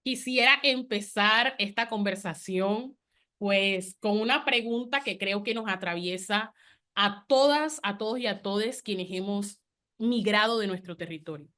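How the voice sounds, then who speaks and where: A woman's voice: mid-range voice, measured pace, pushed and bright. A woman moderating a panel conversation, formally introducing guests and posing the opening question. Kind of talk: reading a guest introduction, then hosting.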